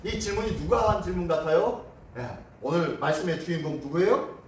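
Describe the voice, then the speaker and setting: A middle-aged pastor preaches a sermon, telling stories animatedly and acting out the dialogue. His voice is slightly high and fairly quick. A distant mic in the echoey church sanctuary adds a little hiss or hum.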